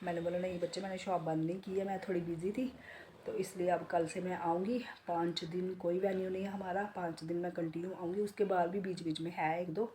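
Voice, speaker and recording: A woman in her forties vlogging casually from home in a chatty, relaxed way, talking straight to viewers, her throat a bit sore from a cold. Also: on the low side, a little fast, slight background noise. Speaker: beauty salon owner and vlogger. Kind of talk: casual home vlog chat. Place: home, indoors.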